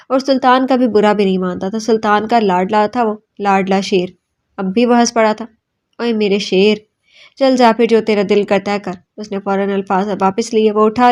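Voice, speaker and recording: A woman narrating a novel aloud in a steady, dramatic storytelling manner. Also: medium pitch. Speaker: audiobook narrator.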